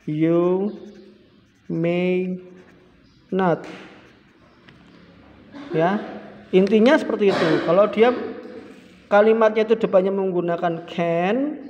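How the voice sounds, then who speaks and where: Chatty male teacher, echoey lo-fi sound. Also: sits high. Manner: relaxed, chatty, repeats examples slowly. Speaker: primary school English teacher. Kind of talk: explaining a lesson to pupils. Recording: dull lo-fi sound with long reverb.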